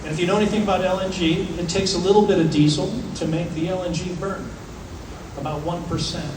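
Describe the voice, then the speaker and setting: A man speaking as a ship's captain, answering audience questions informally, in a conversational way with deliberate pauses. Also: high-pitched, fairly even intonation. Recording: echoey venue, distant, clearly noisy ambience.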